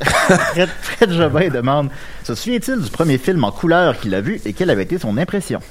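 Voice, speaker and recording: A man's voice: a little high, very animated, fairly quick, a little hiss or hum. A man with a Quebec French accent co-hosting a casual comedy interview and reading out audience questions.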